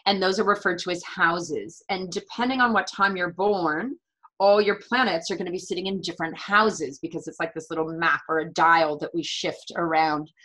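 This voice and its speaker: A woman's voice: on the low side, fairly even intonation, normal speed, fairly bright tone, poor audio. A woman explaining her practice in a conversational interview, earnest and fond of repeating words for emphasis. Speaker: interview guest, natural medicine practitioner and medical astrologer.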